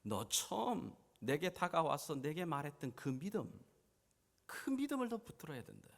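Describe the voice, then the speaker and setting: Jesus, a gentle but firm grown man, pleads and urges with a sweeping, lively rise and fall, as a preacher voices him from the pulpit. The voice sits a bit high for a man. It rings out through a reverberant church hall. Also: normal speed, gravelly. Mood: urgent encouragement. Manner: earnest pleading address, rising to impassioned urging.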